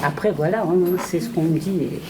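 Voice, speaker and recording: A woman's voice: fairly low pitch, fairly quick, crowd noise, rough recording. A French woman in an audience, asking a medium about her grandfather. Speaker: audience member. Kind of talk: casual questions.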